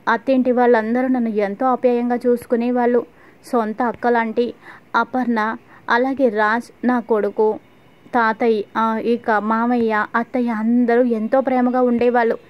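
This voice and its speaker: A woman voicing a bitter, grieving middle-aged mother who scolds and shouts at a schemer, in a dull lo-fi recording. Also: on the high side, lightly acted. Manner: angry, scolding outbursts.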